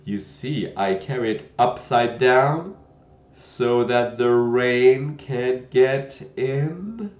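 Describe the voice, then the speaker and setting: A man voicing a gentle, fussy old knight who talks loudly and fretfully. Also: mid-range voice, animated, extremely slow. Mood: fussy eager. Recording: dull lo-fi roomy recording.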